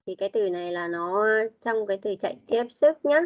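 A woman's voice: mid-range voice, lively intonation, brisk, muffled recording. A Vietnamese woman teaching an English class online, switching between Vietnamese and English as she corrects pronunciation.

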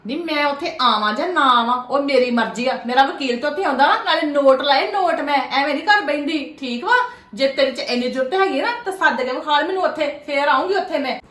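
A woman playing a sharp-tongued, defiant middle-aged mother-in-law who scolds loudly and sarcastically. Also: sits high, quick pace, hardly any pauses, roomy sound, natural voice. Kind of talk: acted family drama.

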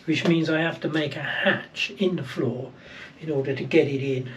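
An older man in his sixties talks through a boat refit in a chatty, explaining way. His voice sits fairly high for a man. Steady yard noise runs behind him on a plain camera mic. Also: normal speed, low-quality recording. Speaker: boat-building vlogger. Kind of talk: casual how-to narration. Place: outdoors in a boatyard and inside a barge under refit.

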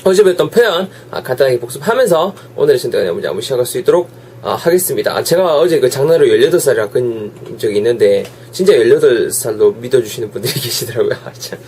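Hoarse chatty man with a Gyeongsang accent. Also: medium pitch, animated, darkish tone, slight background noise. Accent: Gyeongsang Korean dialect. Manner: chatty, switches to slow drawn-out English examples. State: sore throat, coughing. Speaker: English teacher. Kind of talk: casual online English lesson.

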